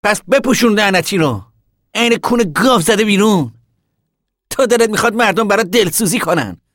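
A man's voice: high-pitched, animated, fairly bright tone, no echo, studio quality. A male narrator voicing a blunt, impatient young man who talks in a scolding, brusque way.

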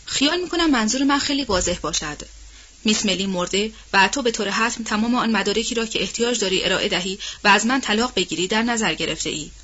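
A woman narrating a novel in a steady, measured storytelling voice, on a dull, muffled recording. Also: medium pitch, breathy edge. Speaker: audiobook narrator.

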